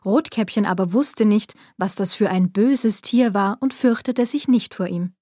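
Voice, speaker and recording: A woman narrating a fairy tale in a calm, measured storytelling manner. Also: mid-range voice, no room sound, clean studio sound.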